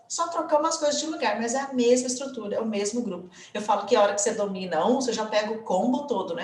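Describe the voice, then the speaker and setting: Lively Brazilian woman teaching from afar. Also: fairly high pitch, echoey room, far from the mic, a little hiss or hum. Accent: Brazilian Portuguese. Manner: lively, uses many "né?" tag questions. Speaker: English teacher. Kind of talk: explaining grammar on a board.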